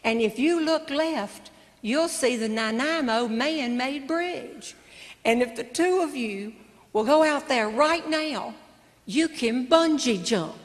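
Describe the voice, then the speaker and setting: A woman's voice: sits high, lively intonation, takes it slowly. An older woman voicing an earnest, chirpy young woman working a visitor desk, overly helpful in manner. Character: eager young woman tourist-desk clerk. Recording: echoey hall, faint ambience.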